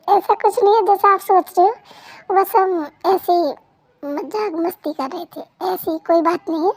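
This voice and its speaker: A woman's voice: very high-pitched, dry recording, poor audio. A woman voicing a pouty young wife who cries easily and talks in a whiny, sulky way, in a Hindi fan dub.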